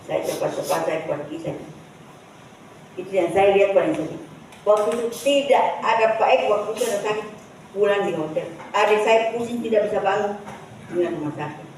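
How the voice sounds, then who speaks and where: A woman gives a personal testimony at a church service, speaking in a halting, repetitive way, recorded from a distance. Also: mid-range voice, darkish tone. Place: church hall. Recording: echoey church hall from far off, faint noise.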